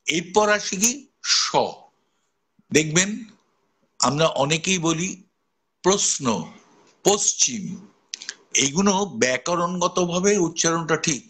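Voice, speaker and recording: An older man teaching recitation, slowly drilling speech sounds and tongue twisters in a live lesson. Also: on the high side, a bit bright, slightly rough. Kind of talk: pronunciation lesson on a live stream.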